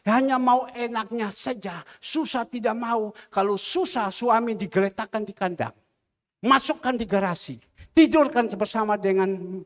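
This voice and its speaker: A man's voice: extremely high pitch, a bit bright. A pastor preaching a sermon, emphatic and repetitive, acting out the people he quotes. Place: large church hall. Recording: reverberant church hall.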